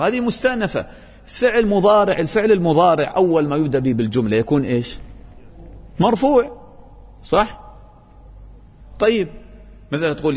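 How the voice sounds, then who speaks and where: A man leads a Quran lesson, reciting verses slowly and pressing his students with grammar questions. His voice sits a little high and sounds husky. The long reverb of a large hall trails after each phrase. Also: darkish tone. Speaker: Quran teacher.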